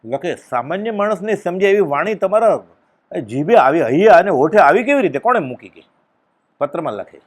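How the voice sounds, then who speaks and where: A man giving a devotional discourse, telling a story and acting out its dialogue with sudden loud exclamations. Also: high-pitched, big pitch swings, normal speed. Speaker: spiritual discourse speaker.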